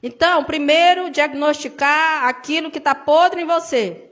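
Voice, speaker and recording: In an unhurried, high, fairly bright voice, a woman with a Brazilian Portuguese accent leads a casual church sermon. She converses with the congregation, refers to them as brothers, and shares stories from her life.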